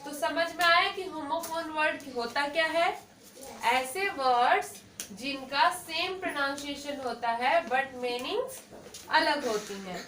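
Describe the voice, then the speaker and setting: A woman's voice: sits high, unhurried, pushed and bright. A woman teaching a class, patient and questioning, often checking that students understand. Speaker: English teacher. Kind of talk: classroom lesson. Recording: echoey classroom, far from mic, faint noise.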